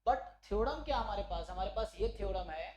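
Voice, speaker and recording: A man's voice: high-pitched, expressive, a little fast, crowd noise, poor audio. A man giving an online exam-prep maths lecture. He explains step by step, keeps checking in with his students, and corrects himself mid-sentence. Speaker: maths teacher.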